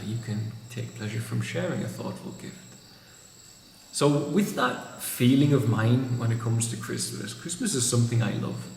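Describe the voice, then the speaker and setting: A man's voice: mid-range voice, darkish tone, a little hiss or hum. Man talking in an echoey empty room. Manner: thoughtful, unhurried, restarts phrases. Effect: big hall echo. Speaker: vlogger. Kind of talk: reflective monologue. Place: empty room with strong echo.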